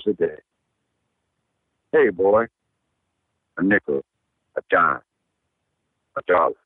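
A very deep, slow-spoken man calls in from Alabama to recite a poem. His voice comes through a thin, tinny phone line that cuts in and out, so words drop and break apart. He reads with long, measured pauses between phrases. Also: animated, dry recording. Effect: phone line breaking up, cutting in and out. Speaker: caller. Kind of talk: poetry recitation.

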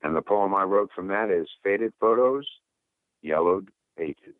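A man's voice: low-pitched, animated, a little slow, no echo. A man talking over the phone as a caller, cheerful and chatty before reading his poem. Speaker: caller and poet. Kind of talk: cheerful chat and poetry reading. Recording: tinny phone line.

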